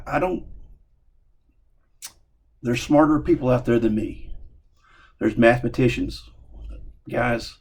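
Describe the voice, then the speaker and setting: A man with a Southern US accent speaks in a husky voice with plenty of fry. He addresses viewers informally, like an amateur commentator sharing opinions, halting and repeating himself as he goes in a folksy way. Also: medium pitch, a little mellow. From Southern United States. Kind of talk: casual opinion monologue to viewers.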